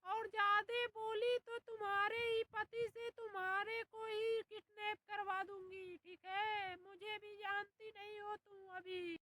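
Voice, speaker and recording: A woman's voice: extremely high pitch, little pitch movement, slow pace, hardly any pauses, pushed and bright, far from the mic, a little hiss or hum, full character voice. A woman playing a bossy elder sister-in-law who scolds and calls names. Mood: scolding. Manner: scolding, name-calling.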